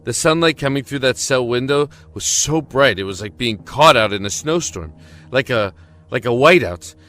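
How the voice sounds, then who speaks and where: An actor in a first-person audio drama plays a desperate imprisoned man, recounting his story in an earnest, emotive way. The mood is brooding and haunted, and his natural, slightly bright voice is medium-pitched, animated and at normal speed.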